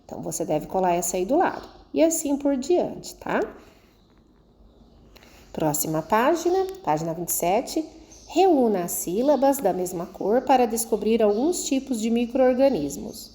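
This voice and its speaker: A mellow-voiced woman leads a recorded science lesson for children. She moves through the exercises patiently, one step at a time, and keeps checking in with her pupils as she goes. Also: fairly high pitch, very animated, moderate pace. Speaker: schoolteacher.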